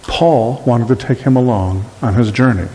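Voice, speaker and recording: Preaching pastor in a reverberant church hall. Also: male voice, medium pitch, normal speed, slight background noise. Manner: animated preaching with wide gestures. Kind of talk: sermon. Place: small church sanctuary. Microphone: far camera at back of room.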